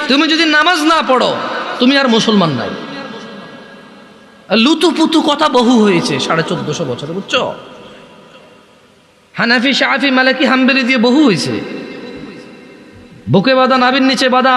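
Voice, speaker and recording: A man preaching a sermon to a large gathering, with a loud, restless and animated delivery. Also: very high-pitched. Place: large gathering, outdoor or hall. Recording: echoey hall, long reverb.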